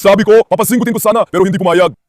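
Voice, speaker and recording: A man's voice: high-pitched, racing, no room sound, studio quality. A man hosting a dog vlog, coaxing his dogs with repeated calls and directing a helper while he handles them. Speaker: dog owner and channel host. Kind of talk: casual vlog chatter to camera and helpers.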